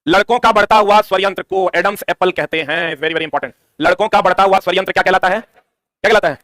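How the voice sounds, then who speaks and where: Male exam tutor, very fast, high and bright, dry close sound, quizzes nonstop. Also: no echo. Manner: rapid drilling with repeated questions and answers. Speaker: teacher. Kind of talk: exam-prep science lesson.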